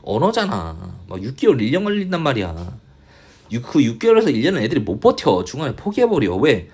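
A man tutoring English in a casual online lecture, thinking aloud, muttering mild swears and reading English lines slowly. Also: medium pitch, wildly swooping pitch, a little mellow, slightly rough.

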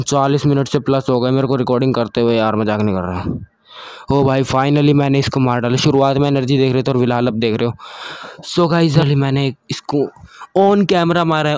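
A man commentating his own video game playthrough, excitable and mixing English words into his talk, recorded through a home computer mic with a screen recorder. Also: medium pitch, clear, resonant tone, dry recording. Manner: yelps and pleads in frustration during fights. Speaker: gaming channel host. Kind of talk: let's-play commentary.

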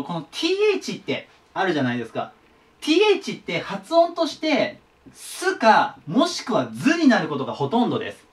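Chatty guy tutoring online, high voice that jumps all over, mic sits a bit far off. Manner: chatty, shares his own memory tricks. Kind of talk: casual whiteboard lesson.

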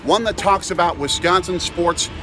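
A man's voice: sits high, moderate pace. A man in his forties hosting a casual vlog with his son, chatty and upbeat, filmed on a phone at arm's length in an indoor sports grill. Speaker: host, father. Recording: loud crowd chatter and music behind.

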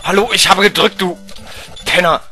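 Excitable German gamer, bright voice. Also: male voice, high voice, moderate pace, soft background music. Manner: excitable, swears at the game, swings from mutters to shrieks. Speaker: let's play gamer. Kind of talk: live gameplay commentary.

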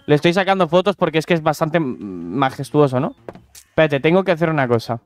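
A man's voice: on the high side, expressive, brisk. A young man with a Spain Spanish accent, chatting casually and joking with viewers while playing a game. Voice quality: slangy, joking, talks to viewers and animals. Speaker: gaming YouTuber. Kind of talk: casual gameplay commentary.

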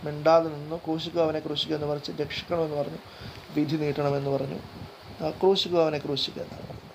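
A man's voice: fairly high pitch, flat delivery, fast, gravelly, background noise. A man reading quiz questions aloud, listing each answer option and then repeating the correct one, with the odd slip and restart. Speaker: quiz guide reader.

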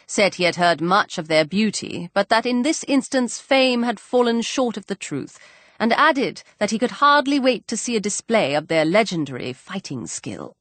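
Woman reading an audiobook, really lively pitch, dry close mic. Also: normal speed, no echo. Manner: expressive storytelling read. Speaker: audiobook narrator. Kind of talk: scripted audiobook narration.

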